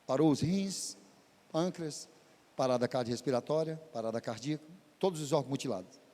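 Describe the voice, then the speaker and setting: In a church, a pastor delivers a sermon testimony with drama and emotion, his pitch swinging widely as he tells the story. He speaks briskly in a warm voice, and a long reverb tail trails his words.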